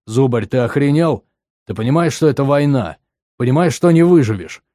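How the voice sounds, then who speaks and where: Dude doing a blunt cool-headed fighter guy, flat and dry, snaps into a growl. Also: mid-range voice, moderate pace, dry recording, lightly acted. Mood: angry. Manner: flat, indifferent, then growling. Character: calm, hard-edged male fighter, quick to anger.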